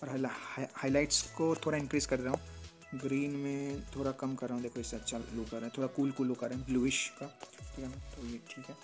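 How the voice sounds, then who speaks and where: Fast-talking man teaching photo edits. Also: mid-range voice, flat delivery, music in the background. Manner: explains step by step, often checks in with "theek hai na". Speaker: photo editing tutor. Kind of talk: casual screen-recorded tutorial.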